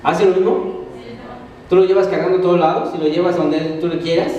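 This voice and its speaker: Mexican male preacher, high and mellow, rhetorical-question sermon, distant mic with heavy hall echo. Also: steady tone, brisk, highs cut off, a little hiss or hum. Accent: Mexican Spanish. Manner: asks the congregation questions and answers them. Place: church hall.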